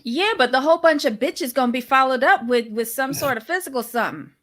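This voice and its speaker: Talking fast in a high, fairly bright voice, this woman co-hosts a podcast recapping a reality show. Her casual commentary is blunt and sassy, full of exasperated reactions.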